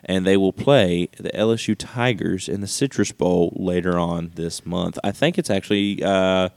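A man's voice: low voice, fairly even intonation, moderate pace, vocal fry, a little mellow, no echo. A man co-hosting a casual sports podcast, reading news items with fillers and restarts. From West Virginia fan. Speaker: podcast co-host.

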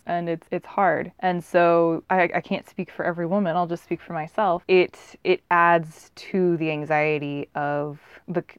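A woman speaking as a wellness coach on a podcast, gently and soothingly guiding listeners to tune in to their bodies. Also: lowish voice, clear, resonant tone, no room sound, lo-fi sound. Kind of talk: guided body-awareness talk in a podcast conversation.

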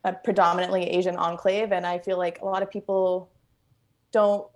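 Speaking at normal speed with a flat delivery, this woman's voice sits on the low side. She's a young interview guest, Bangkok-born and LA-raised, talking casually at home near the kitchen. Fillers and easy laughter run all through her speech.

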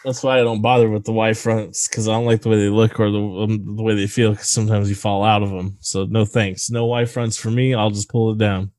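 A man's voice: on the low side, little pitch movement, brisk, hardly any pauses, a little mellow, dry recording. A man co-hosting a casual movie podcast, crude and joking, rambling with fillers. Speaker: podcast co-host.

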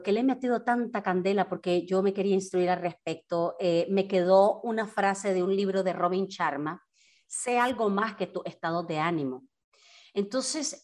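A woman, a guest in an interview, talking earnestly and animatedly about her own experience. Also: medium pitch. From Nicaragua. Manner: earnest, animated storytelling with self-talk asides. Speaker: guest, communicator and singer-songwriter. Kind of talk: candid personal interview.

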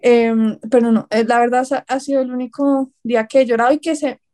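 A young woman with a Colombian accent chats as a guest, spinning lively anecdotes and acting out what others said. Her voice sits high, with a soft, mellow tone. She talks in an easy, conversational way. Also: fairly quick. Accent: Colombian Spanish. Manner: lively, acts out quotes, laughs often. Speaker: guest, writer. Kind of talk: casual storytelling conversation.

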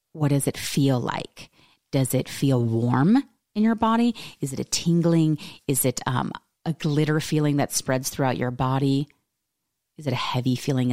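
A woman's voice: very deep voice, gravelly, darkish tone, no room sound, studio quality. A woman hosting a podcast, talking earnestly in a casual monologue full of rhetorical questions. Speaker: podcast host and coach.

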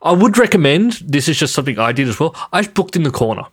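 A man's voice: fairly high pitch, big pitch swings, fast talker, slightly rough. A man co-hosting a podcast in a casual, conversational style. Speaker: podcast co-host. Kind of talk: casual chat.

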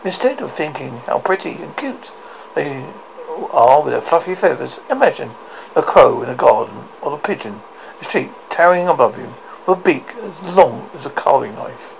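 Creaky, animated storyteller, halting delivery. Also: medium pitch, dull audio, slight background noise. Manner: halting, often stumbles and repeats words. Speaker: storyteller reading a short story aloud. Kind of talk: scripted story narration.

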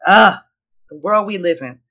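This middle-aged woman co-hosts a podcast, sharing anecdotes in a talkative, forceful, opinionated way. Her voice is mid-range and slightly bright, and she keeps a measured pace.

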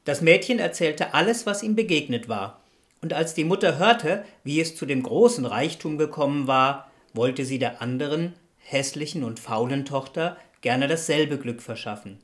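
A woman narrating a fairytale radio play in a measured storytelling manner. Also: low voice, lively intonation.

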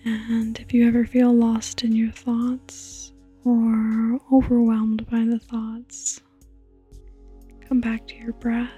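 A woman guides a sleep meditation in the soothing manner of a bedtime narrator. Her breathy, whispery voice is mellow and sits slightly high for a woman. She speaks very slowly, leaving gentle pauses over the sound of rain. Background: rain sounds and faint music.

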